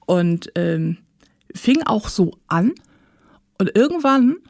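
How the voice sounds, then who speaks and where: A woman's voice: mid-range voice, sing-song, slow pace, creaky, darkish tone, dry recording, clean studio sound. A woman guest recounting her own painful experiences candidly and matter-of-factly in an interview. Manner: candid, matter-of-fact about painful events. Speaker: guest, author. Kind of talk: personal interview account.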